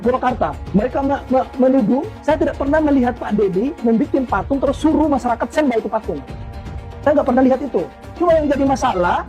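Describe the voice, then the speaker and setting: A man's voice: extremely high pitch, mellow. A man giving casual commentary, stammering and restarting, ending his points with a casual tag.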